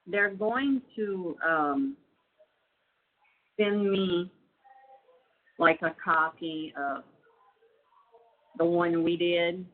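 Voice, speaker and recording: A woman's voice: on the low side, extremely slow, long pauses. A woman talking on a prison payphone call, rambling casually with many fillers. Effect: heard over a prison payphone call. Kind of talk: casual phone chat. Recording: tinny phone line.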